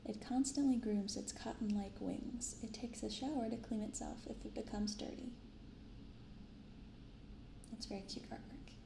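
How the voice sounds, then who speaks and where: A woman hosts a card-opening ASMR channel, talking softly and gently in an unhurried, casual way. Her voice sits at a medium pitch with fairly even intonation, recorded on a binaural microphone in a roomy, echoing space with clearly audible background noise.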